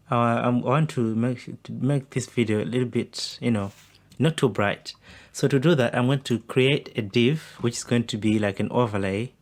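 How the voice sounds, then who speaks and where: A man teaching frontend coding, thinking aloud step by step with fillers as he types code. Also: medium pitch. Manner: talks while typing, thinks aloud with fillers. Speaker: coding instructor. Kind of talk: screen-recorded coding tutorial. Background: keyboard typing.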